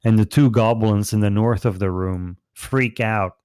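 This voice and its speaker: A man running a tabletop game as game master, relaxed and often laughing. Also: lowish voice, unhurried, clear, resonant tone, no echo, clean studio sound. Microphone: online voice chat.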